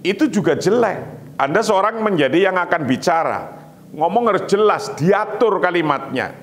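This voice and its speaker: A middle-aged man giving a morning religious lecture, teaching emphatically and reciting Arabic lines slowly before explaining them. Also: sits high, expressive. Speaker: Islamic preacher. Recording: long hall reverb.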